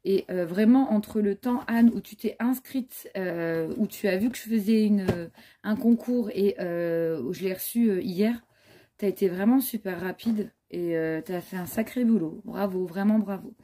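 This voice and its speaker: A woman chats casually through a handmade scrapbook for her viewers. Her voice is warm and a touch husky. She keeps stopping to admire the pages and fills her talk with small hesitations. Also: mid-range voice, normal speed. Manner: admiring, chatty, many fillers. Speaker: scrapbooking vlogger. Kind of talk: casual show-and-tell chat.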